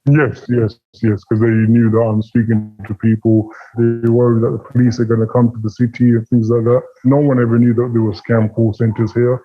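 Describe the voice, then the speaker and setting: A husky man with a British accent answers interview questions in a loose, rambling way, circling back and repeating himself with plenty of fillers. He comes through a video call, and the audio is dull and lo-fi. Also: mid-range voice, level tone, a little fast, hardly any pauses, faint music behind. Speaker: interview guest, former call center scammer.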